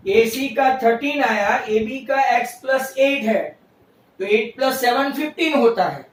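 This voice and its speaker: सख्त लहजे में पढ़ाता ऊँची आवाज़ वाला गणित शिक्षक, दूर से कमरे की गूंज के साथ. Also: male voice, very high-pitched, takes it slowly, slight background noise. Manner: mixes English into Hindi, repeats "right?" often; stern, scolds absent students. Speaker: maths teacher. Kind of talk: online class lesson. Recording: roomy echo, distant mic, faint ambience.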